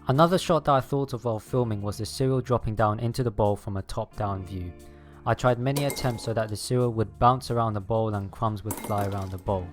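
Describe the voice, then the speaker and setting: A man reading a scripted voice-over as a video creator, explaining his process step by step. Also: on the low side. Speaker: video creator narrating his own making-of. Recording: music behind the voice. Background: background music.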